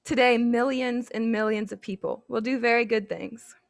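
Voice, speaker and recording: Over a video call, a young adult student volunteer introduces herself and then reads a picture book aloud in a gentle, even storytime voice. Her voice is fairly high and a bit creaky, at a normal pace. The sound is clean studio quality with no echo.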